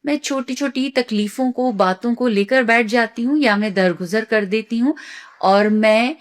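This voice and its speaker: A woman who is a mother and teacher giving an earnest religious lecture, asking herself rhetorical questions. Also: a little high. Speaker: Islamic teacher.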